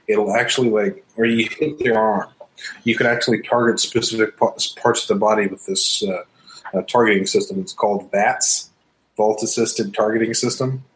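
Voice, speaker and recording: A man co-hosting a casual podcast, talking in an excitable, rambling way and laughing often. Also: lowish voice, fairly quick, poor audio. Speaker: podcast co-host.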